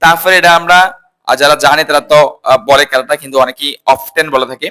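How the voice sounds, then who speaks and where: Bright-voiced man teaching English words. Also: on the high side, fairly even intonation, clean tone. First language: Bengali. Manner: drills words by repeating them slowly and asking the class. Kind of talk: casual spoken lesson.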